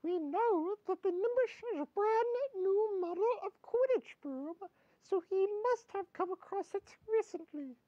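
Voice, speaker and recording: A squeaky tiny old wizard professor. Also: male voice, lively intonation, measured pace, no echo, highs cut off. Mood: reasoning. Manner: squeaky, precise and analytical.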